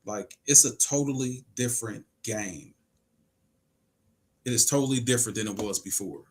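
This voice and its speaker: A man's voice: medium pitch, moderate pace. A man in his forties hosting a casual livestream podcast, reading comments aloud and arguing his point with emphasis and rhetorical questions. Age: 40s. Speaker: podcast host.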